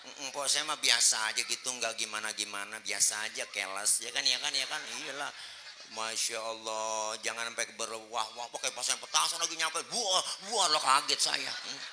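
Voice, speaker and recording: A man giving a lively, joking sermon, acting out the voices of the people in his stories and bantering with his audience. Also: mid-range voice, a little fast, hardly any pauses, noisy background. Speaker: Islamic preacher.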